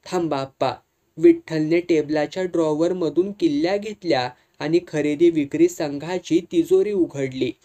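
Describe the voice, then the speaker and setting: A reader narrating a serialized novel in a steady storytelling manner. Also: mid-range voice.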